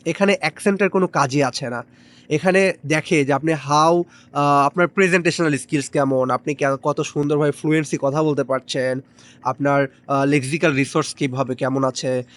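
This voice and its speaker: A man giving a lively spoken English lesson outdoors by the water, switching between Bengali and English. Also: a little high, normal speed. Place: outdoors by the water in the late afternoon.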